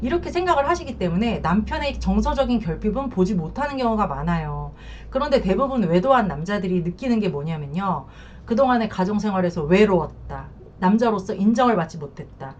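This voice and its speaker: A woman's voice: medium pitch, animated, brisk, a little hiss or hum. A woman counselor giving blunt, colloquial advice on infidelity, acting out the lines of the people she describes. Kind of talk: advice talk to camera. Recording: dull lo-fi recording.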